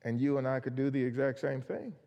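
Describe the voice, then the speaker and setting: A man's voice: medium pitch, little pitch movement, brisk, muffled recording. A man preaching a Bible study sermon, earnest and emphatic, asking questions and answering them himself. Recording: long hall reverb.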